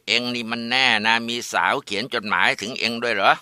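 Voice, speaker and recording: A man's voice: mid-range voice, steady tone, fast talker, pushed and bright, clear, resonant tone, no echo, studio quality. A man voicing a boisterous older brother who teases and then flares up. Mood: teasing. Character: boisterous older brother, teasing and hot-headed.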